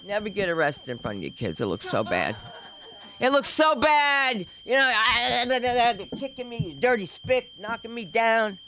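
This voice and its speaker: An older woman of Dominican heritage doing stand-up, telling a story with lots of exclamations and quick switches into other people's voices. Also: a little high, a little hiss or hum, rough recording. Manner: animated, shifts voices for characters, exclamatory. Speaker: stand-up comic. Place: comedy club open mic.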